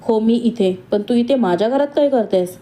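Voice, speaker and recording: A woman's voice: on the high side, moderate pace, warm tone, close to an everyday voice. A woman voicing a young man, a grandson back from abroad, who speaks in a plain, questioning way. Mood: puzzled.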